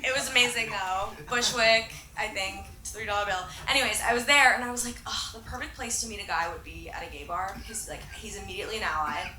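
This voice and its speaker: A woman's voice: medium pitch, fast, hardly any pauses, bright, forceful tone, echoey room, slight background noise, rough recording. A woman in her late twenties, a casual podcast guest, chatting in a giggly, rambling way with lots of fillers. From Boston area, USA. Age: 20s. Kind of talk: casual chat. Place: room with a couch.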